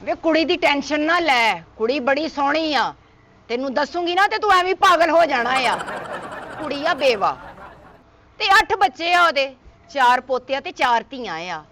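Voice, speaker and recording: A woman plays a middle-aged village matchmaker who heaps curses on anyone who annoys her. Her voice sits very high and rings bright and sharp as she scolds her way through a comedy sketch. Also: animated, moderate pace, slight background noise. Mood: teasing. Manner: scolding, curse-laden ranting. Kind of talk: comedy skit acting.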